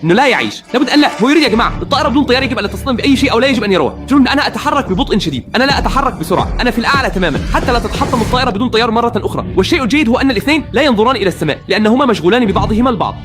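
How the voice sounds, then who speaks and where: A man hosting with excited, dramatic commentary on a video, speaking. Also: extremely high pitch, rapid-fire, hardly any pauses, music in the background. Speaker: host.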